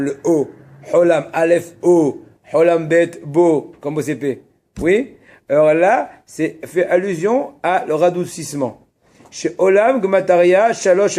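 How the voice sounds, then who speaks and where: A man's voice: a little high, mellow. A man rabbi teaching a religious text, asking and answering his own questions and stressing Hebrew terms. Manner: casual asides to students.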